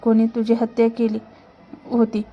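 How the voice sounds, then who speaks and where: A woman's voice: on the high side, completely flat delivery, unhurried. A woman voicing a frightened young female college student who asks bewildered, anxious questions. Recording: dull lo-fi recording.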